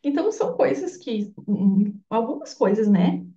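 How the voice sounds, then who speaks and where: Her voice on the high side, sing-song and unhurried with a dark tone, a Bach flower therapy teacher lectures her course informally. She chats freely, using frequent tag questions and quoted voices, and the room echoes around a distant, lo-fi microphone.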